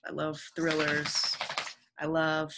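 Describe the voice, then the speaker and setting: A woman's voice: sits low, completely flat delivery, slow, background noise. A young adult woman, a guest on a podcast, talking casually and earnestly about her career and giving upbeat advice. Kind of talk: casual interview chat.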